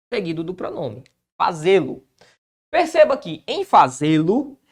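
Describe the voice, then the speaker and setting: A man teaching a Portuguese lesson for exam prep, lively, with frequent tag questions he answers himself and words drawn out slowly for emphasis. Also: sits high. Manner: asks and answers his own tag questions.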